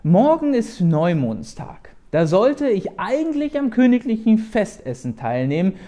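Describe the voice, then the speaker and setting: A man's voice: sits high, huge pitch swings, measured pace, dark tone, voice pushed up, full character voice. A man reading the lines of David, a frightened young man pleading with his friend for his life, in an urgent voice.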